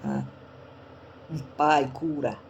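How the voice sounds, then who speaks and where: A woman's voice: low-pitched, steady tone, very slow, gravelly, highs cut off, a little hiss or hum. A woman from Brazil sprinkled words, giving a chatty online church talk and often checking in her listeners. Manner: chatty, tags questions to listeners. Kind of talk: casual sermon talk.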